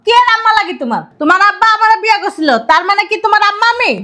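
An actress playing a sharp-tongued middle-aged stepmother who scolds sarcastically. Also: very high-pitched, background noise. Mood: scolding. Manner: scolding, sarcastic, rapid retorts.

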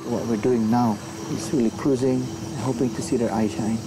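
A man's voice: mid-range voice, fairly even intonation, moderate pace. Man explaining wildlife spotting, music behind. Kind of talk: explaining in a documentary. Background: background music.

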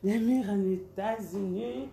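A woman's voice: medium pitch, a little slow, creaky, warm tone, slight background noise. A woman, hosting a casual live stream and calling out viewers' names one by one. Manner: chatty, calls out names one by one. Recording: roomy echo, faint background ambience.

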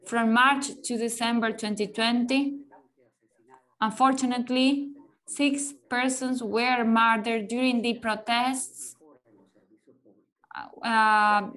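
Fairly high-pitched woman at a hearing, slow and deliberate, uneven volume from a breaking connection. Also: fairly bright tone, rough recording. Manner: deliberate, with hesitant fillers. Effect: uneven volume from a breaking connection, level jumping up and down. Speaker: human rights defender presenting at a hearing. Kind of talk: formal prepared statement.

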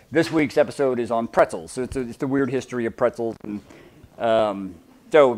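Picked up from across a big demo kitchen, a chef in his forties cooks for a live audience while talking casually. He's chatty, rambling, and self-deprecating, with a medium-pitched voice.

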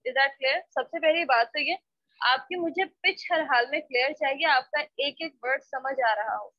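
A woman's voice: sits high, a little slow, dry recording. A woman teaching a spoken English class online, scolding her students and switching between Hindi-Urdu and English. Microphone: computer mic on a video call. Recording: dull, dry online-call audio.

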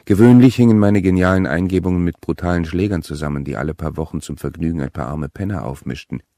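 A man reading an audiobook in a calm, measured, cool first-person telling. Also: low voice, dry recording, clean studio sound. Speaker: audiobook reader. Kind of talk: audiobook narration.

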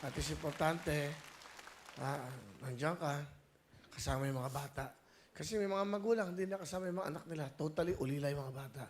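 Playful game show host, man, higher voice, noisy studio, teasing banter. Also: a little fast, some chatter behind. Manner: teasing, playful, laughs often. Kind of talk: casual banter with contestants.

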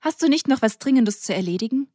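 A woman's voice: medium pitch, sing-song, normal speed, a little mellow, husky, dry recording, clean studio sound. A woman voicing a prickly teenage girl who snaps back and stammers when flustered, in an audiobook. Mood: sharp. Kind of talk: audiobook character voice.

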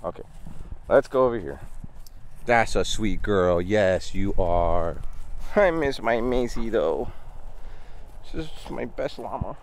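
A man's voice: on the low side, animated, slow pace, long pauses, slight background noise. Chatty man vlogging outdoors on a farm. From United States. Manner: chatty, talks sweetly to his animals. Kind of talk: casual vlog on his farm. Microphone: handheld camera at arm's length.

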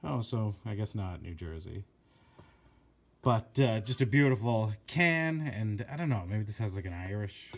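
A man in a casual unscripted vlog, showing off his collection, gushing and admiring but halting, with many fillers and self-corrections. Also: lowish voice, expressive.

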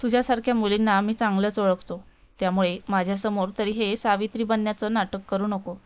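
Cold arrogant young rich man, read by a woman, mocking, dismissive, smooth tone, lo-fi sound. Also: mid-range voice, fairly even intonation, a little fast, close to an everyday voice. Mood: scornful. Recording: dull lo-fi recording.

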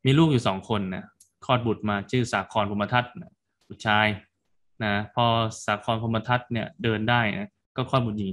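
A man, a Buddhist monk, retelling a folk tale in a sermon, chatty and casual, softening his sentences with particles. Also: mid-range voice. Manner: casual storytelling, tags sentences with soft particles.

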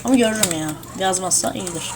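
A young woman giving casual gameplay commentary at her home computer, excitable and swearing at the game. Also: mid-range voice, fast talker, background noise. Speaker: gamer streaming a shooter.

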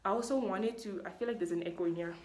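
A woman's voice: mid-range voice, fast talker, darkish tone, slight background noise. A young woman in casual vlog chat, recording on her phone inside a small closet, talking in a chatty way with lots of fillers. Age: young adult. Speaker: vlogger.

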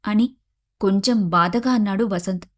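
A woman narrating an animated moral story in a steady storytelling manner. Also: medium pitch, moderate pace. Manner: even, storytelling narration between dialogue.

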